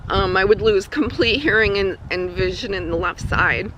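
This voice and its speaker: A woman with a weak, strained voice and a troubled throat, giving a halting, casual personal update to camera while outdoors. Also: medium pitch, fairly bright tone, a little hiss or hum, rough recording. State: throat spasms with coughing and throat clearing. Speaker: vlogger. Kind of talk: personal health update vlog, casual talk. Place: outdoors on a hike.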